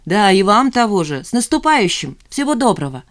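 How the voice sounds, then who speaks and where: Quiet reserved young man read by a woman. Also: medium pitch, sing-song, moderate pace, voice pushed up, natural voice. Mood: polite. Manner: soft, restrained.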